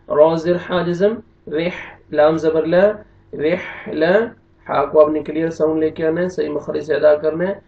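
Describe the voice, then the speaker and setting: A man teaching Quran recitation, spelling out letters and vowel marks, then reciting slowly with long drawn-out notes, in a Pakistani Urdu accent. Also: on the high side. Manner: slow drawn-out recitation alternating with brisk explanation. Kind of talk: tajweed lesson, spelling out and reciting. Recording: roomy, distant, dull lo-fi sound.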